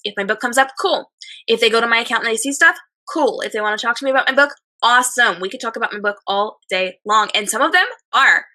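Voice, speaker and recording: A slightly hoarse woman hosting a chatty advice show, speaking emphatically and repeating phrases in lists. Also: on the high side, fast, hardly any pauses, bright, forceful tone. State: slightly hoarse, losing her voice. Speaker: host of an advice show for authors. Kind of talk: chatty advice monologue to viewers.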